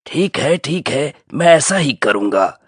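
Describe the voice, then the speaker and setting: A slow, hungry crocodile. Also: male voice, on the high side, sing-song, fairly bright tone, husky, dry recording, clean studio sound, exaggerated voice. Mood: agreeing. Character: hungry male crocodile, gloomy and greedy. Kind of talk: textbook audio drama acting.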